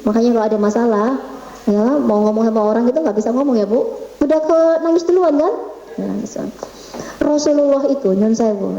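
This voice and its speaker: Speaking somewhat high with a warm tone, a middle-aged religious speaker chats with a women's study group in a government office meeting room, quizzing them and sometimes switching to Javanese. The echoey recording has its highs cut off.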